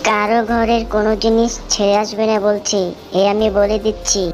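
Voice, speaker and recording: Bossy greedy cartoon jackal wife lady voicing her, scolding, mid pitch, light music behind. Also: flat delivery, normal speed, natural voice. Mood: bossy urging. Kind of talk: exaggerated cartoon story acting.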